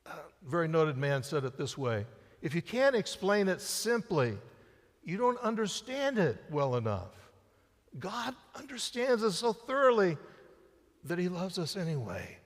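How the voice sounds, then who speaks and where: A middle-aged male senior pastor preaching a conversational sermon in a church sanctuary, picked up by the church sound system, his voice rising and then falling to a hush for emphasis. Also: high-pitched, sing-song, measured pace. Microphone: church sound system mic. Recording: live-stream with long church reverb.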